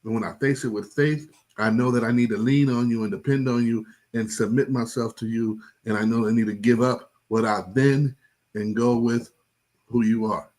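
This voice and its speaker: A man's voice: mid-range voice, fairly even intonation, moderate pace, darkish tone. Guy teaching bible study like he's preaching, keeps repeating himself, lots of "right?" and stumbly restarts. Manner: repeats phrases, stammered restarts, asks "right?". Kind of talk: impassioned preaching-style teaching.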